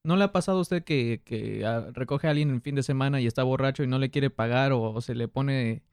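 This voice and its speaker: A man's voice: mid-range voice, a little fast, clean tone, no echo, clean studio sound. A man with a northern Mexican accent chatting casually as a podcast host, telling anecdotes in street slang and acting out what people said. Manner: animated retelling with acted-out quotes and street slang.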